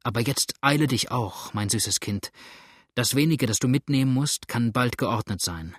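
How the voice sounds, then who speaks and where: Desperate fleeing judge, pleading and trembling, husky dry voice, read by a man. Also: medium pitch, normal speed, fairly bright tone, no echo. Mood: urgent.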